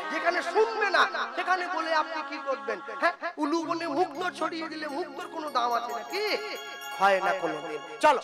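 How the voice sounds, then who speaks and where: High-voiced Bengali kirtan preacher man. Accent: Medinipur Bengali. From West Bengal, India. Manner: animated storytelling, acting out dialogue, rhetorical questions. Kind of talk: devotional kirtan sermon. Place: night stage program before a live audience. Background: instrument music.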